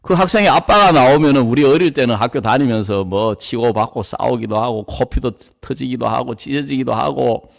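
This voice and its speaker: A man's voice: mid-range voice, brisk, vocal fry, hardly any pauses. A middle-aged man, a pastor telling a story from his own life in a sermon, acting out the people in it.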